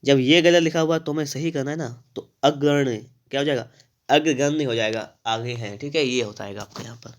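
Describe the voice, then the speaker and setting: During an exam-prep spelling lesson, a Hindi grammar teacher of middle pitch talks straight to his class, checking in with frequent "thik hai"s. He works through each answer's spelling step by step, slowly restating the important words.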